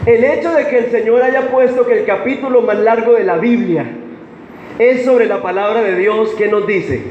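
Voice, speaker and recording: High-voiced preacher in an echoey church. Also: male voice, normal speed, slight background noise. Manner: animated preaching with audience call-and-response. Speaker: pastor. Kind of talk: sermon. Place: church sanctuary. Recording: echoey church hall, dull sound.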